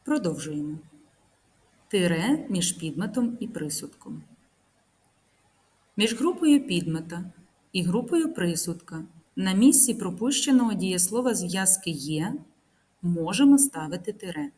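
A woman teacher narrating a recorded grammar lesson, reading example sentences slowly and carefully. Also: medium pitch, very animated, dark tone. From Ukraine.

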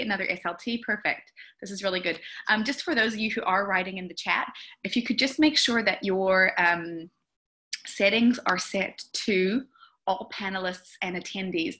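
A young woman from New Zealand who works as a speech therapist gives a chatty webinar presentation over a video call, speaking at normal speed in a medium-pitched voice that sounds pushed and bright. She explains things with frequent fillers, seated in an indoor room with plants behind her and picked up by her webcam.

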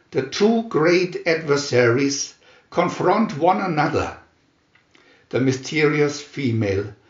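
Here a man with a somewhat high voice performs scripted storybook narration of a comic-book tale, his delivery theatrical, measured and swooping. The room echoes and the recording's highs are cut off.

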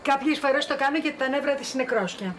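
Soothing high-voiced mother. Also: fairly bright tone, a little hiss or hum. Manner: soothing, affectionate. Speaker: mother in a TV drama. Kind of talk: acted TV drama dialogue.

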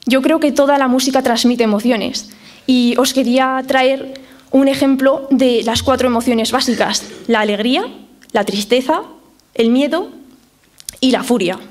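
A young adult woman, a professional harpist with a Spain Spanish accent, giving a talk to families and explaining things with lively spoken examples. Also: high voice, unhurried.

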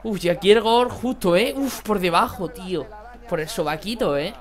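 A young man, excitably commentating his own football video game match for viewers. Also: sits high, normal speed. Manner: excitable, exclaiming, chatty. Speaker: gaming youtuber. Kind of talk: live gameplay commentary.

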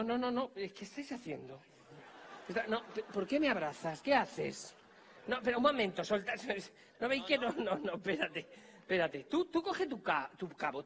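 A man with a Spanish accent performing a live comedy magic act, teasing volunteers and giving them quick orders on stage. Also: very high-pitched, a bit bright.

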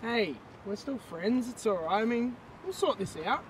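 A man's voice: very high voice, animated, moderate pace, far from the mic, a little hiss or hum. A man in an amateur comedy sketch, reassuring his friends in an upbeat way.

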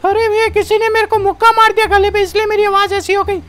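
A man voicing a servile gangster henchman with a squeaky, pinched voice after a punch to the throat. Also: flat delivery, quick pace, fairly bright tone. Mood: whiny. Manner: whiny, servile.

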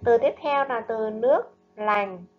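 A woman primary school teacher giving a recorded reading lesson to young children, speaking slowly and enunciating each word with care. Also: fairly high pitch, lo-fi sound. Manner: slow, careful, clearly enunciated reading and drills. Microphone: voice-over narration over slides.

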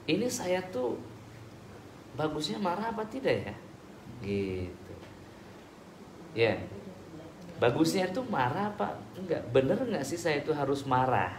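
A man's voice: a little high, big pitch swings, unhurried, long pauses. Male ustaz, chatty Q&A, echoey hall, slight hiss. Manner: conversational, acts out dialogues, checks understanding. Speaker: ustaz answering questions. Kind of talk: religious talk with audience Q&A.

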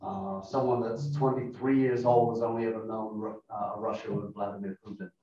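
The man's voice sits low, dark and mostly flat as he delivers a slide lecture as a visiting professor in a meeting room. Speaking non-American English, he explains steadily with many "uh"s, captured in a distant, dull, lo-fi recording full of echo.

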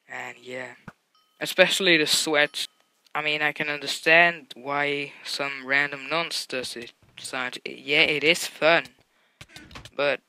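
A young man with a gravelly, very bright voice that sits a little high for a man. He talks slowly and answers viewer questions in a blunt, deadpan way, like a casual gaming vlog.

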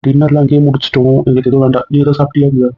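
A young man in casual couple banter, scolding and teasing with rapid-fire questions. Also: medium pitch, level tone, breathy edge, no echo. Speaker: husband in a couple vlog skit. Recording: dull, dry lo-fi audio.

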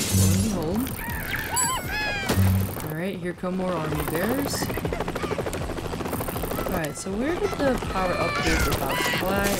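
A woman hosting a let's play, chatting casually and thinking out loud as she plays. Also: lowish voice. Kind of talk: casual gameplay commentary. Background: loud game music.

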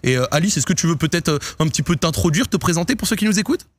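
A man's voice: a little high, racing. Upbeat French-speaking male host. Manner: animated, upbeat, switches between French and accented English. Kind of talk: lively live-stream talk show hosting.

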